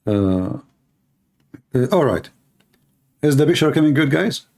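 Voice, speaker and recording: A native Arabic speaker with an Arabic accent hosts a live stream as a religious polemicist, teaching informally in a mocking, repetitive style packed with rhetorical questions. His mid-range voice is sing-song, a little slow, and slightly mellow.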